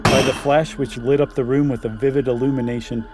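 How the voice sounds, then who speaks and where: With faint music playing beneath him, a man from Ohio, United States, co-hosts a podcast, alternating between relaxed conversation and a dramatic horror story reading. His voice is medium-pitched and steady, moving a little fast.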